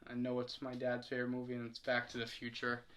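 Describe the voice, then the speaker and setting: A man's voice: mid-range voice, monotone, quick pace, fairly bright tone. A young man co-hosting a podcast, chatting casually in a rambling, hesitant way with lots of fillers. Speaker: podcast co-host. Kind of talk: casual chat.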